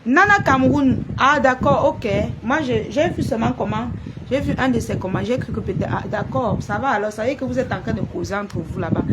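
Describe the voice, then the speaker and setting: A woman's voice: a little high, fairly quick. Woman ranting, scolding on a noisy stream. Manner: confrontational, repetitive, scolding. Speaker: blogger. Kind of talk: live-stream rant to viewers. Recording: noisy background.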